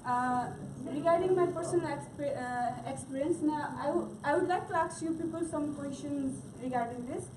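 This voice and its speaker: Her high-pitched voice keeps a moderate pace with hardly any pauses, though this young Nepali student's class presentation is hesitant, full of fillers and restarts. Gurung is her first language, and she has a Nepali accent. The recording is noisy and echoey, taken from far away.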